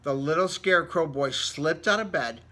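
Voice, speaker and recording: With a slightly high voice and a sharp tone, a man reads a children's story aloud at normal speed. He plays it up, stretching words out and repeating them for effect.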